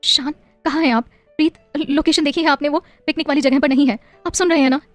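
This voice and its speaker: A woman's voice: high-pitched, fairly quick, no room sound, pitched above the performer's own voice, lightly acted. A frantic, tearful young mother in an audio drama, pleading in a raised, strained voice, voiced by a woman narrator. The delivery is dry and close, with faint music behind it.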